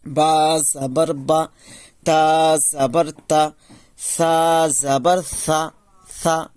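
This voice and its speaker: A man with a Bangladeshi Bengali accent teaching a recorded Quran lesson, explaining step by step and drilling each letter sound slowly with repetition. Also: a little high, dry recording. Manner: slow drilled recitation of letters, repeating each; explaining step by step, asking and answering his own questions.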